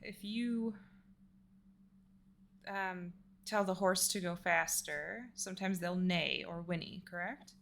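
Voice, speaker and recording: A woman narrating as game master of a tabletop role-play, pausing often with fillers and laughing easily. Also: on the low side, steady tone, creaky, fairly bright tone.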